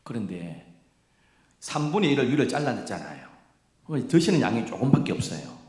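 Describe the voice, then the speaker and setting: A man preaching a sermon as pastor, animated and addressing the congregation directly. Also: mid-range voice, a little fast. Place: church sanctuary. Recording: echoey church hall.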